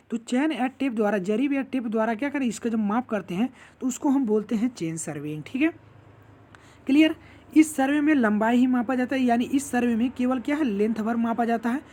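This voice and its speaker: A man's voice: very high voice, a little mellow. A man teaching an online classroom lecture, explaining step by step and checking in with "ठीक है" after almost every point.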